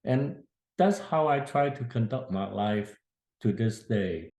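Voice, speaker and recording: Speaking slowly with lively intonation, this lowish, darkish-toned man in his eighties shares a family story from his younger days. It's a casual spoken memoir, plain and earnest, recorded in an echoey room.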